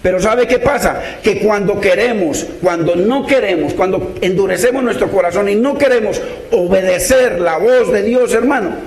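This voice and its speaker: Earnest and pleading, a man gives a sermon in a high, somewhat mellow voice at an ordinary pace. He frequently says "hermano" as he calls to his brothers in faith, his words ringing through an echoey room.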